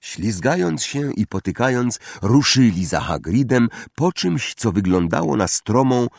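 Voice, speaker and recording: Slow, expressive male audiobook narrator. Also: medium pitch, gravelly, no room sound, clean studio sound.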